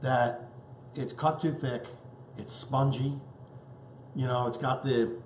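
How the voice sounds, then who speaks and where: Male cooking host, chatty and eager, average pitch, roomy kitchen sound. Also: fairly even intonation, slow, a little mellow, a little hiss or hum. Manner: enthusiastic, chatty, tasting food as he talks. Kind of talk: casual cooking show.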